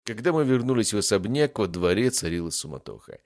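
A man narrating a first-person fantasy audiobook with expressive storytelling. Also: on the low side, a little fast, no echo, clean studio sound.

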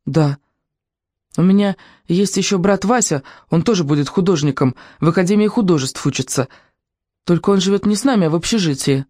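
A reader voicing Katya, a shy, soft-spoken orphan girl in an audiobook. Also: medium pitch, fairly quick, no room sound, clean studio sound, close to an everyday voice. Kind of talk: audiobook character reading.

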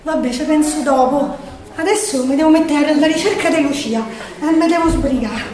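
In a wartime theatre monologue, an actress plays a shaken young woman partisan, sounding anxious and searching. Her high voice carries a Roman Italian accent, shifting between hushed and urgent with weighted pauses, and lightly acted crowd noise sits in the background. The room is roomy and echoing, with the microphone placed a little way off.

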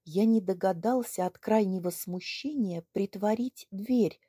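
A woman reading a story aloud in first person, with steady, measured storytelling. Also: medium pitch, breathy edge, no echo, studio quality. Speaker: audiobook reader. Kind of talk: scripted first-person narration.

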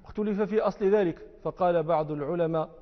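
High-voiced man teaching in an echoing hall. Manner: explanatory, repeats words slowly for emphasis. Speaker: religious teacher. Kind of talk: classical text lesson. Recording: muffled audio with long hall echo.

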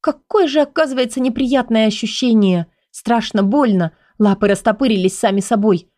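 A woman narrating a first-person audiobook in a lively, playful storytelling manner. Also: fairly high pitch, normal speed, dry recording, clean studio sound.

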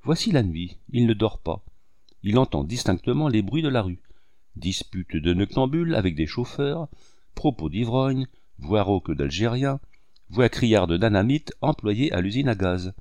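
Male audiobook narrator, literary, expressive, low voice with a lively lilt, dry. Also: a little slow, no room sound.

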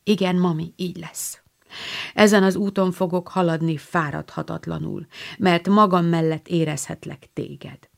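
A woman reading an audiobook, voicing an eager, tomboyish teenage girl in a lively, exclamatory way. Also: on the low side, gravelly. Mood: earnest.

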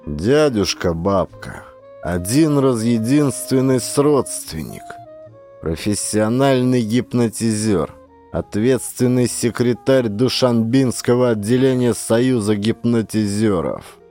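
A man voicing a cocky, blunt young man in an audiobook, gruff and mocking. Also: medium pitch, takes it slowly, mellow, soft background music, close to an everyday voice. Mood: brash. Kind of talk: audiobook character voice.

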